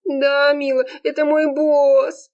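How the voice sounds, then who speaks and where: A woman's voice: level tone, takes it slowly, darkish tone, lo-fi sound. A woman voicing sobbing lovesick Serafima. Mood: despairing. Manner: wailing, high and strained. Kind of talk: audiobook character voice.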